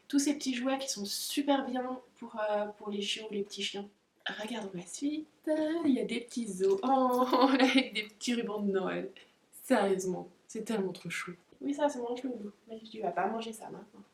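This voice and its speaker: A woman's voice: medium pitch, a little hiss or hum. Chatty woman in a roomy room. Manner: chatty and excitable, giggly, talks to her dogs. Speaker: pet vlogger. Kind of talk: casual unboxing chat. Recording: roomy, distant camera audio.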